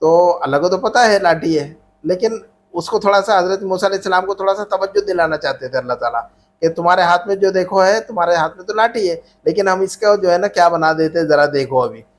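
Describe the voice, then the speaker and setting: A man's voice: high-pitched, fast, a little hiss or hum. A man teaching an Arabic grammar class, patiently repeating questions and prompting students to answer back. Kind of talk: classroom grammar lesson with call-and-response drilling.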